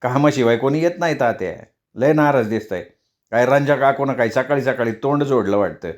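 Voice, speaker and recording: A man's voice: medium pitch, fairly quick, natural voice. Man doing a taunting older brother. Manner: taunting, tattling. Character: elder brother, mocking teenage boy.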